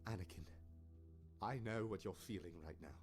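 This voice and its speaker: Man doing a gentle old Jedi mentor, low soft voice, quiet and sad, fan storytelling. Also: moderate pace, faint music behind, close to an everyday voice. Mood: sorrowful. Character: calm, sorrowful older male Jedi mentor.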